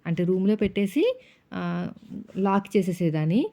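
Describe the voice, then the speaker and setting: A woman's voice: mid-range voice, steady tone, normal speed, dark tone. A woman, a housewife vlogger, chatting casually as she narrates her day and retells family arguments. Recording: dull lo-fi sound.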